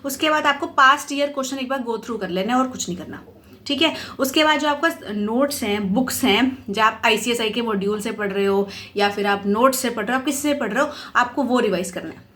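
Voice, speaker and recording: A woman's voice: fairly high pitch, brisk, a bit bright. A young woman giving casual study advice to exam students, chatty and reassuring, often checking that listeners follow along and slipping English words into her speech. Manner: mixes English words into Hindi. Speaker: exam mentor for company secretary students.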